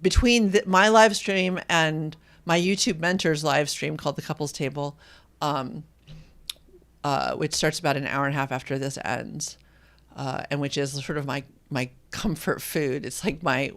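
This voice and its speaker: A host in their fifties, from Indiana, chatting casually on a live stream and reading viewer comments aloud, with frequent pauses and ums. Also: medium pitch, creaky, a bit bright. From Indiana, USA. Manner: rambling and hesitant, with many ums, reads viewer comments aloud.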